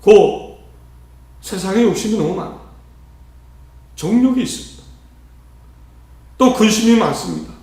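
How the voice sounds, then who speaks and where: A man's voice: high voice, wildly swooping pitch, measured pace, pauses often, a little mellow. A male pastor delivering an earnest sermon, asking rhetorical questions and shifting his emphasis often. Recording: heavy church reverb.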